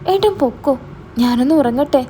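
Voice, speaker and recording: A woman's voice: high-pitched, animated, a little fast, dark tone, slight background noise. A woman voicing a scared teenage younger sister who pleads and hesitates. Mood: pleading.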